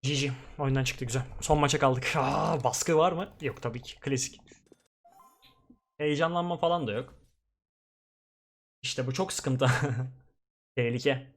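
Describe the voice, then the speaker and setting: A young man streaming a football video game, commenting live, swinging from grumbling to excited shouting. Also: medium pitch, normal speed, long pauses. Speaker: gaming streamer.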